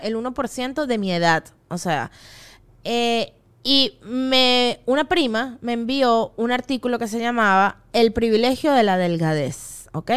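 A woman's voice: on the high side, a bit bright, clean tone. A young woman with a Venezuelan accent hosting a podcast as a casual monologue, chatty and joking, full of slang asides. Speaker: podcast host.

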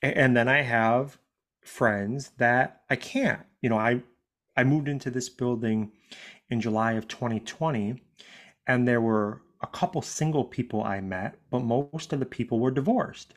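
Man, 30s, podcast co-host, candid, casual swearing, emphatic, mid pitch. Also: measured pace, fairly bright tone. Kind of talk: casual grief podcast chat.

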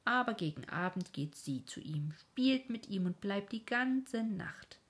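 Woman doing a kind fussy old dream king, patient, a bit breathy, storybook. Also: mid-range voice, lively intonation, unhurried. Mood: kindly.

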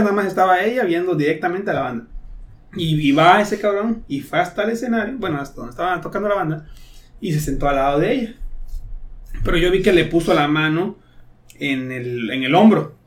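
A man with a Mexican accent speaks in a high register as a podcast guest. He tells stories in a loose, slangy way. He acts out other people's lines with lively energy. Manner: animated, slangy, quotes friends in lively asides. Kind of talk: casual storytelling.

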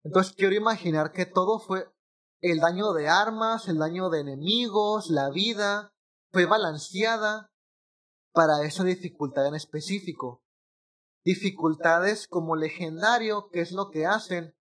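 Brief: young guy, slightly high voice, rambling gamer chat with slang. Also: unhurried. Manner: animated, rambling with restarts and slang. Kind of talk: casual gaming chat.

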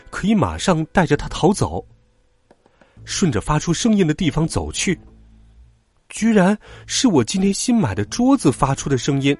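Animated, husky children's storyteller, man. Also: fairly high pitch. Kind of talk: scripted story narration for children.

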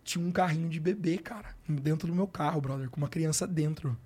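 A man's voice: fairly high pitch, a little fast, darkish tone, slightly rough. Slangy Brazilian man telling a story. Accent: Brazilian Portuguese. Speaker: sports coach, podcast guest. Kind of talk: casual storytelling interview.

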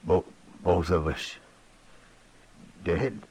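An actor playing a badly wounded, frightened settler in a 1950s radio drama, speaking weakly and haltingly. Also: male voice, deep voice, darkish tone, breathy edge, heavily acted. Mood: dying. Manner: weak, halting, stammering.

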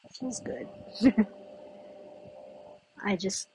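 A mellow, mid-range voice comes through with a little hiss or hum. The host, who grew up in the US, wanders through a solo podcast chat outdoors in a breezy spot with people passing, talkative and pausing often to think aloud.

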